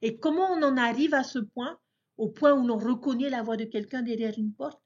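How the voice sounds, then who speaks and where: Earnest woman leading a devotional lesson; a slightly husky voice, a dull recording. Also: a little high, normal speed. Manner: earnest, addresses listeners as brothers and sisters. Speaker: scripture study teacher.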